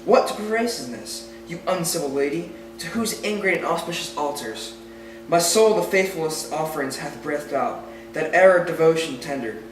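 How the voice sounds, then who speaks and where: A man's voice: on the high side, expressive, moderate pace, music in the background, lightly acted. A young man playing a jealous duke. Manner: earnest verse reading, some stumbles. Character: lovesick noble duke, proud and jealous. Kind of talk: amateur Shakespeare performance. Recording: echoey room, far from mic.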